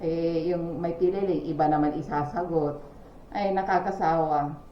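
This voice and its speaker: A woman's voice: low voice, fairly even intonation, moderate pace, slight background noise. A Filipina woman vlogging to her viewers in a chatty, gossipy way, telling stories with exclamations and laughs while outdoors. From Philippines. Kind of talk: casual chat to viewers. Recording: echoey, dull lo-fi with faint ambience.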